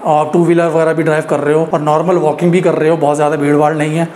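A man's voice: on the high side, level tone, rapid-fire, a little mellow. A man talking through a face mask as he reviews a product in a casual vlog, explaining it in a chatty way to his viewers. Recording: echoey room, faint background hiss.

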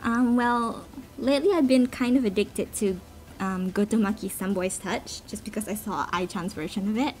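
At a moderate pace, a slightly mellow mid-range voice belongs to an amateur cover singer replying to a voice meme. She chats to online listeners in a loose, rambling way, giggly and self-deprecating, as a background song plays.

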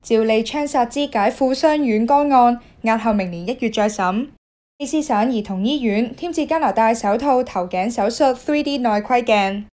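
A woman news anchor with a slightly high voice reads scripted headlines. Her delivery is formal. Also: normal speed, a little mellow.

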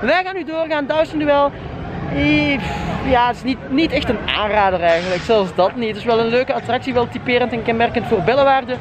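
A man's voice: very high-pitched, fairly quick. A man vlogging in a casual, chatty way while walking outdoors in a theme park, talking to his viewers and rating what he sees. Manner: chatty, rates rides, addresses viewers directly. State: out of breath while climbing. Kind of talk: casual vlog talk to camera. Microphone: handheld camera, at times a phone at arm's length. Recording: outdoor crowd noise, loud background. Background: crowd and ride noise.

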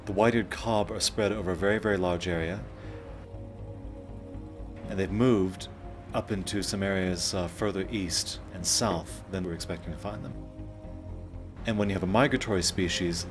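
A man with a deep voice gives unscripted interview commentary as a wildlife expert. Loud music plays behind him. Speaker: conservation expert.

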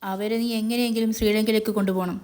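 A woman's voice: mid-range voice, steady tone, fast, darkish tone, natural voice. A woman voicing a scheming male accomplice who gives orders in an urgent, commanding way.

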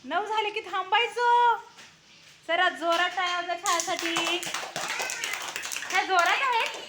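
A woman teaching a class of young children, coaxing and praising them and urging them to answer loudly. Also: very high-pitched, unhurried. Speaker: primary school teacher. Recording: noisy classroom recording.

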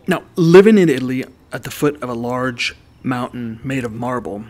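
A man narrating an art history lesson in voice-over, calmly explaining ideas step by step. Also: mid-range voice, normal speed. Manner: explanatory, walks the listener through ideas step by step.

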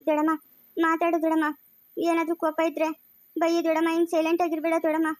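A woman's voice: very high voice, monotone, fast, dry recording, clean studio sound. A woman voicing a young woman who keeps pleading and insisting to be accepted as a daughter. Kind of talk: amateur family drama acting.

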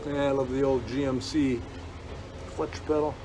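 A man's voice: mid-range voice, flat delivery, moderate pace. A man giving a casual, offhand walk-through, rambling a little and dryly joking, his voice slightly muffled through a face mask. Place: inside an old bus at a scrapyard. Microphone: handheld phone. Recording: noisy handheld phone recording, vehicle ambience.

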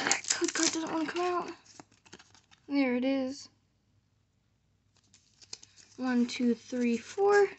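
A woman giving casual commentary as she hosts a card-opening vlog. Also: high voice. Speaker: card-opening video host. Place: small indoor room at home. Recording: clearly noisy, card wrapper crinkling. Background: noise, crinkling and clicks of card packs.

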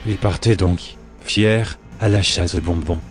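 A man reading a horror story aloud in a measured, grave narration. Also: deep voice, faint music behind.

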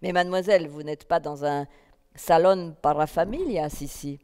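Woman doing a polite firm waiter guy, smooth voice, long hall reverb. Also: low voice, normal speed, a little mellow, close to an everyday voice. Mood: polite refusal. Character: polite but firm male café waiter.

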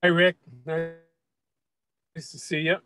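A man's voice: a little high, little pitch movement, drawn-out words, pushed and bright, faint music behind. A male reporter on a video call whose audio is choppy and glitching, and who keeps checking whether he can be heard. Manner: hesitant, repeating himself to check he is heard. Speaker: reporter asking questions. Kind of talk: press conference questions over a video call.

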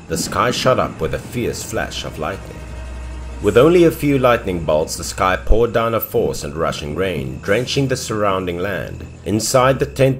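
Deep low guy reading a spooky story, voice swings up and down a lot, quiet music behind. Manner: dramatic storytelling with swings in pitch and loudness. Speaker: narrator. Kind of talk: scripted horror story narration.

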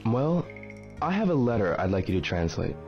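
Earnest young game hero, dull audio. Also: male voice, fairly low pitch, moderate pace. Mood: earnest, reserved. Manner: flat, serious, clipped. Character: earnest, stoic, polite young man on a search. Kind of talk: scripted video game dialogue. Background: clear background music.

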